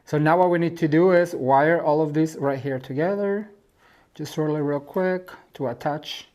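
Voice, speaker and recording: A man's voice: medium pitch, a little mellow. A man from Mexico hosting a home decor channel, talking viewers through a DIY craft tutorial in a chatty, gushing way and calling them "you guys".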